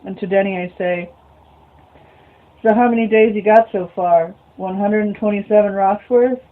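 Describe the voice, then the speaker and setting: A woman's voice: medium pitch, steady tone, moderate pace. A woman reading a novel aloud as a storyteller, muttering short asides to herself between passages. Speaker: reader. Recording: phone-like lo-fi recording.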